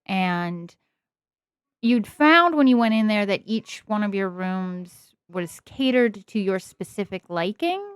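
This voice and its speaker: A woman running a tabletop game as game master, narrating in a relaxed, meandering way with many pauses. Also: medium pitch, clear, resonant tone, dry recording, clean studio sound.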